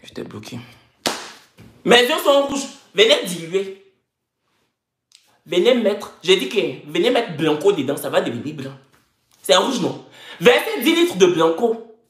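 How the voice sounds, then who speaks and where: A woman's voice: medium pitch, very animated, a little slow, pauses often. A woman, hosting a live stream and ranting to her viewers in a mocking, theatrical way. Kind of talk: animated live-stream rant. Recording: echoey room.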